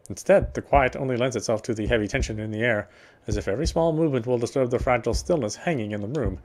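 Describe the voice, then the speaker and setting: A somewhat mellow, medium-pitched male voice reads aloud from a visual novel he's playing. He handles the first-person narration carefully, though he stumbles now and then and corrects himself.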